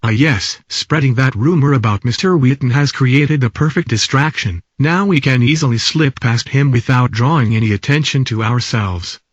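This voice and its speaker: A pompous, scheming gentleman who talks loudly and floridly, as a man puts him on. The recording is dry and close. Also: medium pitch, moderate pace, few pauses, slightly rough, no room sound, dull audio, close to an everyday voice. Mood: smug.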